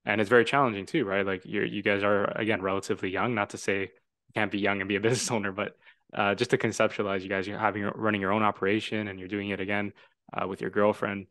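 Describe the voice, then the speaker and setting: A man's voice: on the low side, level tone, fast, a bit bright, no echo, studio quality. A man in his twenties from Toronto, hosting a casual podcast conversation in an earnest, reflective, rambling way. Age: 20s. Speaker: podcast host.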